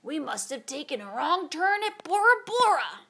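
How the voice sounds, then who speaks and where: A woman voicing a gruff, boisterous male head pirate in a children's storybook, with hearty pirate talk. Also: high-pitched, very animated, normal speed, sharp tone, full character voice. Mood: hearty, loud.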